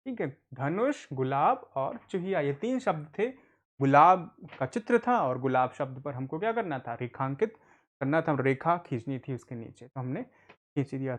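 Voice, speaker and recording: A man teaching an adult literacy class, patiently spelling out words and answering his own questions. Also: on the high side. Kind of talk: online Hindi reading lesson.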